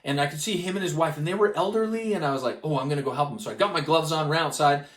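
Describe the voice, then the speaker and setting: A man from Canada presenting a gospel study lesson, telling a personal story with lively delivery and acting out the people in it. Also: fairly high pitch, fast talker, roomy sound. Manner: animated, acts out the people in his stories.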